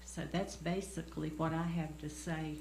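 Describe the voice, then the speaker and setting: A woman's voice: low voice, flat delivery, moderate pace, vocal fry, a little mellow. A woman giving brief, plain public comment as a resident at a meeting. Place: indoor public meeting room. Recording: echoey meeting room with faint hum.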